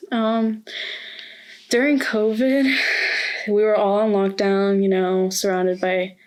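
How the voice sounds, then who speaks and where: Young woman with a flat, even voice. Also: medium pitch. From Mexico. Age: young adult. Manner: earnest and reflective, with frequent hesitations. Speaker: student interviewee. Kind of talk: oral history interview. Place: university campus.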